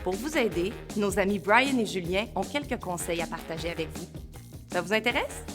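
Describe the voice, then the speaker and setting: A woman's voice: medium pitch, lively intonation, moderate pace, music in the background. A woman hosting an educational video, welcoming viewers cheerfully in a scripted introduction. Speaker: host.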